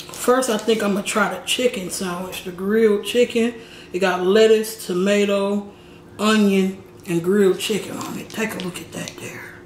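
A woman's voice: mid-range voice, slight background noise. A young woman chatting casually in slang while she eats for her vlog. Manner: slangy, chatty, talks between bites. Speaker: mukbang vlogger. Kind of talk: casual eating vlog chat. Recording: roomy echo.

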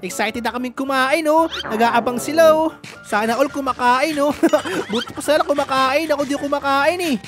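A high-pitched woman with a Filipino accent narrates her gameplay for her channel in a playful, giggly way, laughing often. Background music plays under her voice throughout. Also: normal speed. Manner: playful, giggly, talks to viewers as "guys". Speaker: gaming channel host. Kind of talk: Roblox gameplay commentary.

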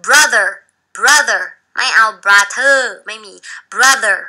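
A woman English teacher reads each model sentence very slowly and clearly. Her voice is bright and sits a little high, and she drops into quick explanations between sentences. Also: rough recording. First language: Thai. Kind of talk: slow model reading with Thai explanations.

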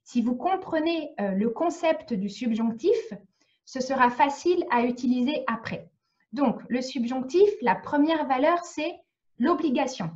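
A woman's voice: high voice, lively intonation, unhurried, darkish tone, dull audio. A woman from France teaching French in a live online lesson, explaining patiently and checking often that students follow. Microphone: video call.

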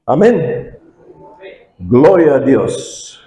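A man preaching a sermon as an evangelist in a learned language, halting, with many pauses and restarts. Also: medium pitch, big pitch swings, mellow, reverberant, low-quality recording.

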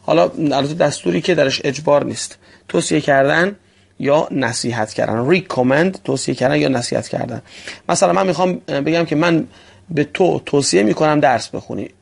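A man teaching English vocabulary for an exam, often calling listeners friends and slowly repeating example phrases. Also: on the high side, gravelly, husky. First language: Persian. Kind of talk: vocabulary lesson for exam prep.

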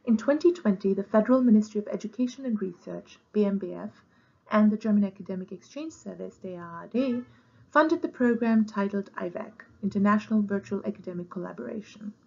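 A woman reads a prepared conference presentation in a measured, formal manner. Her voice sits at an ordinary middle pitch. The recording is slightly dull and lo-fi. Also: gravelly, darkish tone. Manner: measured, formal read-aloud delivery. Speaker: program director presenting a conference poster. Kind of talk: scripted presentation.

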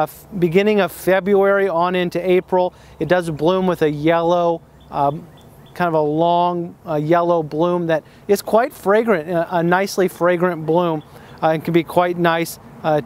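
A man hosting a plant identification lesson outdoors, talking off the cuff with many fillers and restarts. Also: fairly high pitch.

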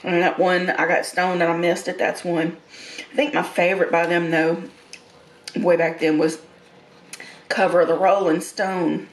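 Unhurried, folksy woman in a roomy space. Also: on the low side, flat delivery. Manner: folksy, colloquial phrasing. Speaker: mukbang eating show host. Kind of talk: casual rambling chat. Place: small room indoors. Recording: roomy echo with faint background noise.

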